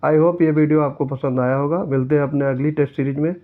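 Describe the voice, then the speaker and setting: A man's voice: fairly high pitch, fairly even intonation, fast talker. A man teaching an exam-prep lesson who reads each question aloud and then corrects it step by step. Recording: tinny phone-like sound.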